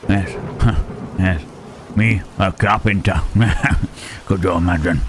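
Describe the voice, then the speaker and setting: A voice actor plays Frankenstein's monster in an ASMR roleplay as a lonely, gentle male creature, shy and halting. His deep voice is slow, hesitant, and stammering yet formal, tender and shy, with soft questioning tags like "huh," "eh," and "hmm," against a noisy background.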